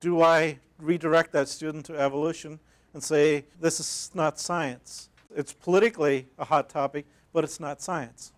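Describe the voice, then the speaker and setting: A man with a Northern Irish accent, an academic librarian giving a measured, explanatory conference talk. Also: fairly high pitch, steady tone. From Northern Ireland. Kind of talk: conference presentation.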